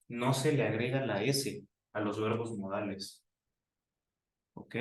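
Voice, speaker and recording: Man, English teacher, patient step-by-step explaining, roomy echo, distant from the mic. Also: mid-range voice. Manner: explains slowly, repeats example sentences. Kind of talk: classroom grammar lesson.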